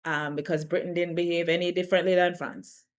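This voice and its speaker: A woman from the Caribbean talking candidly to camera in a reflective vlog, animated and laughing between her thoughts. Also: on the low side, fairly quick. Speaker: vlogger.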